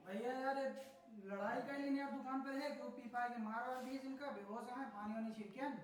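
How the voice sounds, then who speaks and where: A man's voice: very high voice, steady tone, brisk. A man playing an agitated Awadhi-accented villager pleading for help for a friend in an amateur comedy sketch. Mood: worried explaining. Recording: noisy, distant amateur video sound.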